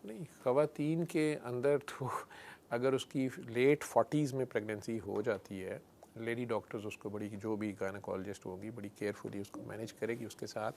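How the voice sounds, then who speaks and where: Gravelly doctor. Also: male voice, on the low side, fairly even intonation, moderate pace, darkish tone. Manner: storytelling, frequent "theek hai" check-ins, mixes in English terms. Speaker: doctor guest. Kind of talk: explanatory conversational interview.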